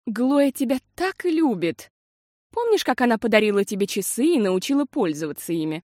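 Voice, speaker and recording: Woman reading a strict mom, serious, asks pointed questions, fairly high voice. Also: sing-song, normal speed, a little mellow, no echo, studio quality. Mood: stern. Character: stern, questioning mother.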